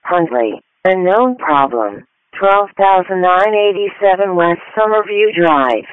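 A man's voice: high voice, expressive, measured pace, a little hiss or hum. A man reading formulaic emergency dispatch call-outs in separated short phrases over a radio paging channel. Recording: dry, narrow radio transmission.

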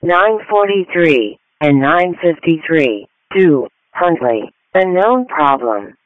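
A man's voice: fairly high pitch, lively intonation, slow, no room sound. A man reading formulaic emergency dispatch call-outs in separated short phrases over a radio paging channel. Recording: dry, narrow radio transmission.

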